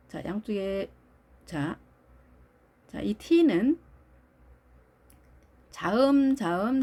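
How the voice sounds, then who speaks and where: A middle-aged woman teaches English pronunciation in a video lesson. Her voice is mellow and slightly husky. She drills each phrase slowly and patiently. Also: mid-range voice.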